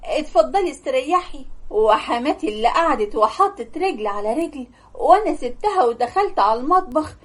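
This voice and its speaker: A young Egyptian woman narrates her own story for an animated film. Her voice sits high and carries an emotional, pleading tone. She tells it in the first person. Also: fairly quick.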